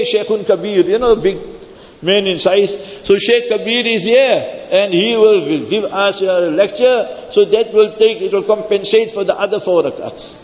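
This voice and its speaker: A man preaching informally, telling stories conversationally and addressing his listeners directly. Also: high-pitched. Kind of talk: informal sermon with storytelling. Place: large echoing hall, speaking to a gathering. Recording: muffled, reverberant large hall.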